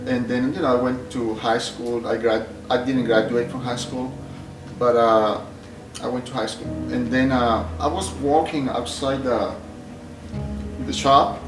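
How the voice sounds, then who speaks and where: A man's voice: mid-range voice, steady tone, a little slow. A middle-aged man from El Salvador, a shop owner answering interview questions in a plain, hesitant way with many fillers. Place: clutch workshop. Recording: roomy sound from a distant mic, music behind.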